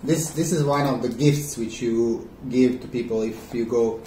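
A man's voice: medium pitch, steady tone, warm tone, far from the mic, a little hiss or hum. Easygoing Croatian-accented man, slightly off-mic. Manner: easygoing, halting, fillers. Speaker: vlog co-host. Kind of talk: casual chat. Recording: echoey room, slightly off-mic.

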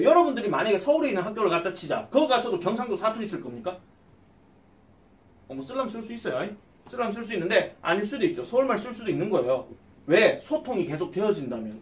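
A male English teacher, giving an exam-prep lecture and quizzing his students with quick questions. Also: high voice, reverberant, far from the mic.

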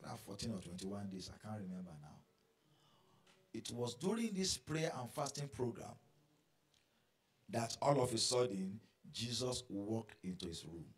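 A male pastor telling a story in a sermon, dropping to a hush and then rising to loud, dramatic preaching. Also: fairly low pitch, very animated, moderate pace. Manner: dramatic storytelling, swinging from hushed to shouting.

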